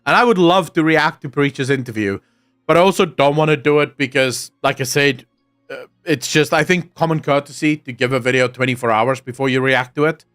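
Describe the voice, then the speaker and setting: A young South African man, a native Afrikaans speaker with the accent to match, chats casually with viewers on a live stream. He rants, jokes and swears freely, his medium-pitched voice brisk, smooth and fairly bright.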